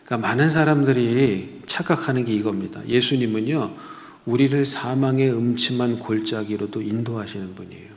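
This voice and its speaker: A man's voice: medium pitch, a little fast. A man preaching a sermon as a pastor, rising to emphatic rhetorical questions and then dropping to near-whispers. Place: church sanctuary. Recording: long reverb of a church hall.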